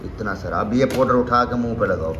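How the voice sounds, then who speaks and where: A man's voice: fairly low pitch, brisk, fairly bright tone, lo-fi sound, a little hiss or hum. A young man from Pakistan speaking with a tinge, vlogging casually to camera in an earnest, pleading way. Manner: earnest, pleading, repeats "okay?" tags. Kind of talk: casual vlog talk to camera.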